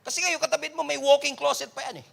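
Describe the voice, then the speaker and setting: A male pastor with a Filipino accent, preaching a sermon in a mix of Tagalog and English that swings between loud exclaiming and low, quiet lines. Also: fairly even intonation, fast, creaky.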